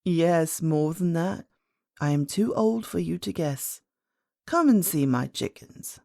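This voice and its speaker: A woman voicing a very old, gentle and mysterious grandmother queen in a storybook, speaking calmly and kindly with measured words. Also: fairly low pitch, creaky, no room sound, studio quality, exaggerated voice. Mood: patient, amused. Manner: calm, measured, kindly, enigmatic. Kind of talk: storybook character voice.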